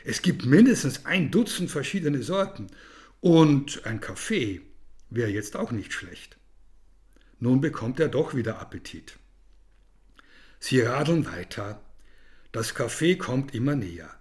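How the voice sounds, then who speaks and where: A man narrating a children's story in an expressive, storytelling manner. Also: medium pitch, a little slow, long pauses.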